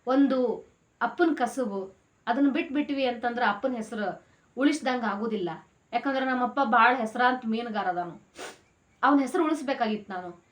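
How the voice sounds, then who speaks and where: A woman's voice: on the high side, normal speed, long pauses, lightly acted. A woman voicing a devoted, determined young fisherman son who speaks earnestly.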